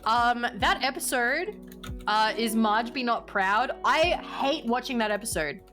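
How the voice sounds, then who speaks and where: A woman's voice: a little high, lively intonation, measured pace, a bit bright, soft background music. A woman in her late twenties, a streamer, chatting casually and thinking aloud with lots of fillers. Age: 20s. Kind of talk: casual chat.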